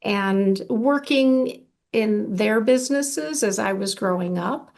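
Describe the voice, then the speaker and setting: A woman's voice: mid-range voice, slow pace, creaky, darkish tone. A woman in her sixties from Argentina, an architect answering interview questions in a thoughtful, conversational way. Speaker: architect and firm founder. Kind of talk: casual interview.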